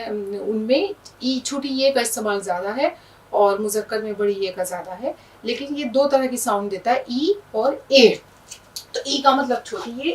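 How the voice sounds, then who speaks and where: A woman's voice: fairly high pitch, distant mic, rough recording. A woman teacher with an Indian Urdu accent, patiently explaining words and letters with examples in a language lesson.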